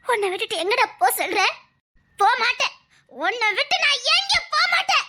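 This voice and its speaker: A woman acting out a devoted young woman in a comedy skit who refuses to leave her paralysed lover. Her voice is very high and bright, with a Tirunelveli Tamil lilt, and she pleads insistently, half-sobbing and half-laughing. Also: sing-song, moderate pace, heavily acted. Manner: tearful, insistent, laughing through sobs.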